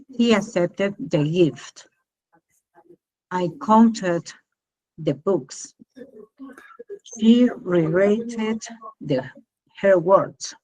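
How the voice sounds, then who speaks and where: Hesitant, slow-reading woman student. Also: fairly low pitch, rough recording. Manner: careful, hesitant reading with restarts. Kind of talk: reading sentences aloud in class.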